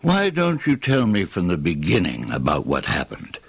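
An actor playing a calm, gently probing counselor in a children's audio drama, with patient questioning and a husky voice. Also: low voice, moderate pace, heavily acted.

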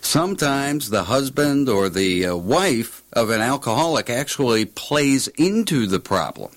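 A wise, reassuring dad played by a man in a children's audio drama. His mid-range voice is calm and measured as he explains. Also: mid-range voice. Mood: calm, serious.

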